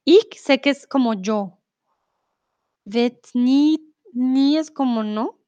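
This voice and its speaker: A woman's voice: high-pitched, slow pace, dark tone, no room sound, dull audio. A woman teaching on a live stream, reading viewer comments aloud and patiently explaining verb forms. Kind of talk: live-streamed language lesson reading chat.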